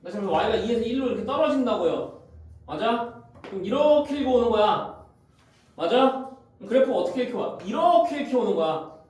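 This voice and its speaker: This math teacher's voice is extremely high and a little mellow, yet animated, as he explains graphs on the board in a brisk, casual classroom lecture. He checks over and over whether students are keeping up. The recording sounds distant and very reverberant, with a faint hiss.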